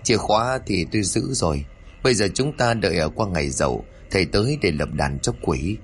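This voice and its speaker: A man doing a gruff, uneasy old-style husband. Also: low voice, lively intonation, brisk, a little hiss or hum. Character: stern, uneasy middle-aged village husband.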